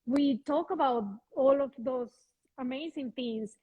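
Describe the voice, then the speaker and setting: A woman from Venezuela, a guest photographer chatting casually in an interview, talking in halting restarts over a video call. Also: sits high, narrow, tinny audio. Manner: halting, many restarts, light laughs.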